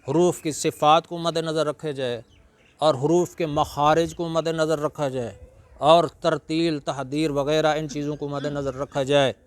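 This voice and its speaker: A man giving a religious lecture, teaching slowly and breaking into drawn-out Arabic recitation. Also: on the high side, smooth. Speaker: Quran reciter and preacher.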